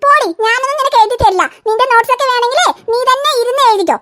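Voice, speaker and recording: A woman's voice: very high voice, racing, very noisy. A woman voicing a bossy, teasing teenage older sister in a cartoon. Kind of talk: cartoon voice acting.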